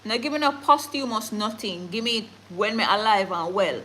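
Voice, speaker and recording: Reading news and viewer comments in a relaxed livestream, a Jamaican host speaks emphatically and with energy, laughing a lot and switching into patois. The rough recording has a bit of hiss or hum behind her medium-pitched voice at normal speed.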